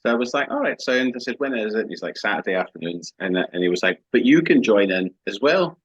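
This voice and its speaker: A man's voice: lowish voice, expressive, fast, breathy edge. A man, co-hosting a podcast and telling a story in sweary, casual banter. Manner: sweary storytelling, acts out quotes. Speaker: podcast co-host. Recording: dull lo-fi podcast mic.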